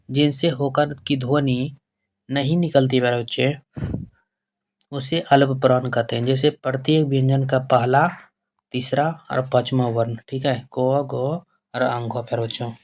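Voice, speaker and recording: Man, tutor type, even, flat delivery, drills definitions by repeating them. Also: medium pitch, unhurried, pauses often, a little hiss or hum. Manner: repetitive, keeps addressing students fondly and checking with "okay"; asks questions and answers them himself. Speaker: teacher. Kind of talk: board-exam grammar lesson.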